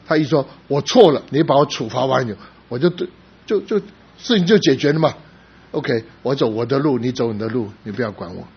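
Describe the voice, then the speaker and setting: A middle-aged man preaching a sermon as a pastor, telling a personal story with rising emphasis and sudden soft drops. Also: mid-range voice, animated, brisk, creaky, slightly rough. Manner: emotional storytelling, rising to loud emphasis then dropping soft. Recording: slightly dull recording with faint background noise.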